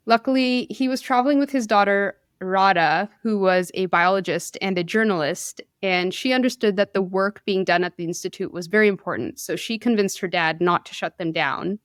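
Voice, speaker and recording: A woman hosting a podcast tells a science story in an easy, conversational way. She breaks into laughter often and pokes fun at herself. Her voice sits at a middle pitch and is recorded close and dry. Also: moderate pace, fairly bright tone, smooth, no echo. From India. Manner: chatty, laughs often, self-deprecating asides. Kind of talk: casual storytelling chat.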